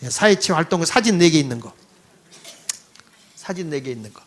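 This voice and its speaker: A man in his sixties giving a history lecture to an audience, animated and mocking, with quips and laughing asides. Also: fairly high pitch, normal speed.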